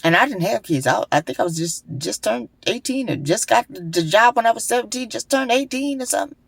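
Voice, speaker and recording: Woman, young adult, slightly high voice, dry close sound, earnest preacher-like testimony vlog. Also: lively intonation, fairly quick, creaky, husky, no room sound. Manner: emphatic, repetitive, preacher-like urgency. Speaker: vlogger sharing a personal testimony. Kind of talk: emotional spoken testimony with prayer.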